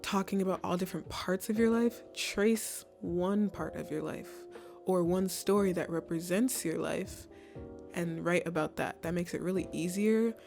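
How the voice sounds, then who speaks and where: A woman's voice: lowish voice, normal speed, creaky, a little mellow, faint music behind. A young woman casually giving college essay advice, chatty and full of "like"s and restarts. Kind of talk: casual advice talk to camera.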